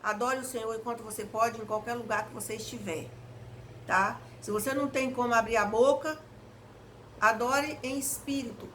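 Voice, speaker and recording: A woman preaches an earnest home devotional, urging her listeners on directly in a fairly high voice. An electric fan blows straight into her face as she talks. Its steady whir runs loud under every word of the home recording. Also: noisy background. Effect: electric fan blowing right in her face while she talks. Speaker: evangelical lay preacher. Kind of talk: home devotional reflection video. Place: hot room at home.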